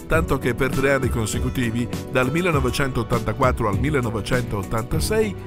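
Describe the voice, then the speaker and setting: A man reading a scripted documentary narration in a measured, informative way. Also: medium pitch, animated. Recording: voice-over with music behind. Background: music.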